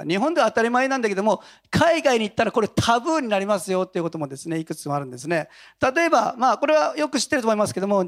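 A middle-aged man preaches a Sunday sermon in an easy, chatty way, with stories and frequent chuckles. His voice sits high for a man, and it leaps up and down a great deal as he talks. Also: gravelly. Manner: animated storytelling with frequent chuckles. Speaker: pastor. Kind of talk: conversational sermon.

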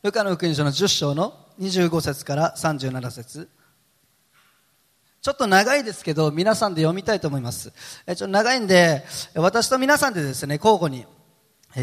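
A man preaching a sermon in a church hall, telling stories in a chatty way and often breaking into laughter. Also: a little high. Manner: chatty storytelling with frequent laughs. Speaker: pastor. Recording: reverberant hall.

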